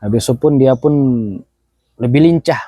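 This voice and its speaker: A man, a goat farmer, talking in a relaxed and chatty way outdoors at his goat pen, tagging his sentences with little asides. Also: mid-range voice, moderate pace, slightly rough, no room sound. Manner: relaxed and chatty, keeps tagging phrases with "Lur" and "ya kan". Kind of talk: casual vlog chat.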